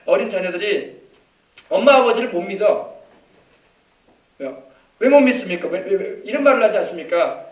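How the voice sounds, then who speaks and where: A man's voice: high voice, lively intonation, normal speed, pauses often, recorded from a distance. A male pastor preaching a sermon, asking his congregation questions and urging them on. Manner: preaching with call-and-response questions. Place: church sanctuary. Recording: echoey church from off-mic.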